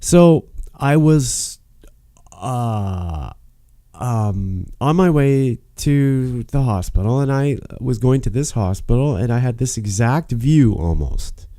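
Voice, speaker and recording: A man talking to camera in a rambling monologue, frustrated and swearing, halting with many fillers and restarts. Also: medium pitch, expressive, mellow, no room sound. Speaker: vlogger.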